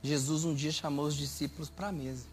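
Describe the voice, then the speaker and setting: A Brazilian man preaching a lively sermon, telling stories and shouting out praises. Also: fairly high pitch, fairly quick, soft background music. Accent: Brazilian Portuguese. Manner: animated storytelling, shouting praises.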